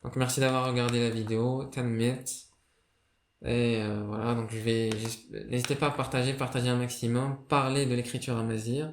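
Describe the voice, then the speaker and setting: Man, mid pitch, casual explainer, lots of fillers and restarts, echoey room. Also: level tone, normal speed, slight background noise. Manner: hesitant, many fillers and restarts. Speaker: video creator explaining a writing system. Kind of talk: casual spoken lesson. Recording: roomy echo.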